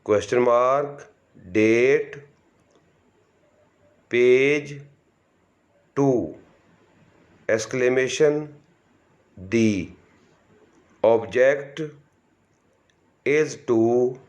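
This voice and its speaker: Male trainer, mid-pitched, slow classroom dictation, very drawn-out pace, deliberate word groups with spoken punctuation. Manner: reads punctuation marks aloud, measured and deliberate. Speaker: shorthand trainer giving dictation. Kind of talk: slow school dictation, word by word with long pauses.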